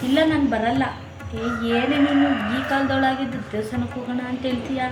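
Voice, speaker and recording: A woman in a comic sketch, talking in a brisk, dismissive way. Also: high voice, fairly even intonation, far from the mic. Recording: echoey room, music behind.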